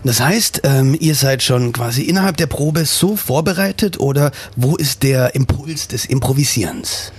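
In a radio studio, a man with a medium-pitched, slightly breathy voice co-hosts a show and talks about his improv theater group. He speaks at a moderate pace with hardly any pauses but fills his speech with hesitant fillers.

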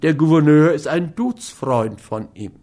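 A man's voice: fairly high pitch, lively intonation, unhurried, a little mellow. A man voicing an eager bystander who confidingly warns a stranger about someone powerful. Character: talkative bystander man giving advice.

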